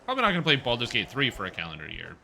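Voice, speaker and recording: A man livestreaming a game on headset audio, chatting casually with viewers and reacting loudly to the gameplay. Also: mid-range voice, huge pitch swings, very fast, creaky, a little hiss or hum. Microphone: livestream headset mic.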